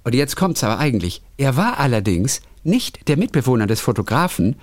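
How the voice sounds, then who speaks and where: A male podcast co-host, chatting and reading listener letters aloud with lively storytelling energy. His pitch swings widely up and down as he tells the story. The sound is dry and close, with no room echo. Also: fairly quick. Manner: animated storyteller, lively intonation.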